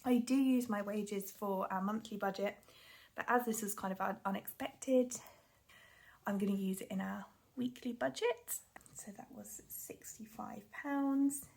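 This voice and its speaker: A British woman vlogging about her budget in casual chat, hoarse from a cold, a bit out of breath, apologetic and often dropping to a whisper while counting. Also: mid-range voice, normal speed, darkish tone. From United Kingdom.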